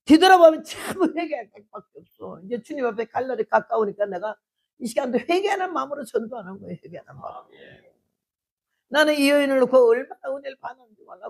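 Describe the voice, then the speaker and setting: A woman in her eighties, a missionary preacher, giving a testimony sermon and telling stories that swing from hushed to shouting. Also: high-pitched, breathy edge. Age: 80s.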